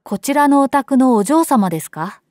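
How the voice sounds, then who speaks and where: A woman voicing a cheerful young male butcher's salesman with brisk, polite patter in an acted story. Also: high-pitched, expressive, a little mellow, dry recording, studio quality, voice pushed up.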